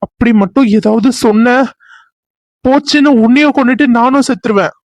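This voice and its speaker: A man's voice: very high-pitched, fairly quick, no echo. A man voicing a possessive, jealous young man who is pushy and threatening in a cartoon serial. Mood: angry. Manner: pushy, threatening, then pleading.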